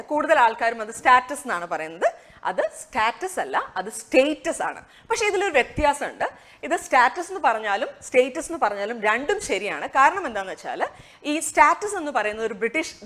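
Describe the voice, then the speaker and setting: Lively-voiced woman teaching pronunciation. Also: medium pitch. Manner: conversational, asks rhetorical questions, slows on target words. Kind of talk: explanatory lesson.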